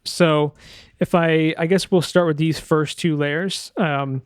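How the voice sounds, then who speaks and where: A man narrates an informal screen-share tutorial on sound design, thinking aloud hesitantly as he demonstrates. His slightly high voice is steady, slow, clear and resonant, with studio-quality sound and no room tone.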